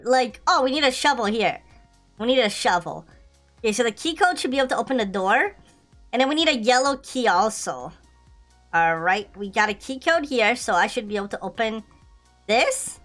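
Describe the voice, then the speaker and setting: A woman with a high-pitched voice streams a horror game with playful fright. She comments in a casual, slangy way and repeats her phrases excitedly. Faint music plays behind her. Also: normal speed. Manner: scared horror game streamer, shrieking and pleading in mock fright.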